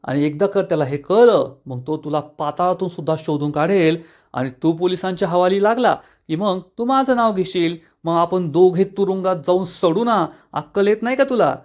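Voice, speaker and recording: A man's voice: sits high, normal speed, darkish tone, close to an everyday voice. A man voicing an angry scheming woman villain in a retold TV serial, scolding sharply.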